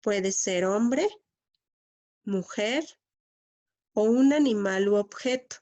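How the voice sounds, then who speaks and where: Woman, English teacher, patient lesson, repeats key words, slow delivery. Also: mid-range voice, mellow.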